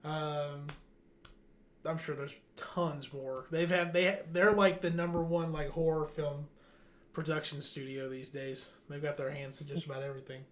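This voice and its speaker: Hosting a casual panel chat among friends, a man runs through news items informally. His voice is on the high side, with fairly even intonation and a moderate pace.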